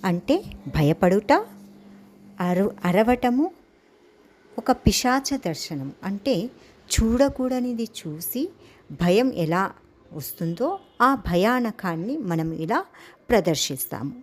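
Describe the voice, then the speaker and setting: A woman giving a dance theory lesson, explaining each term slowly and chanting a verse in a measured way. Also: medium pitch, expressive, darkish tone, slight background noise. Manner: slow, deliberate, stretching and chanting key terms. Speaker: dance teacher.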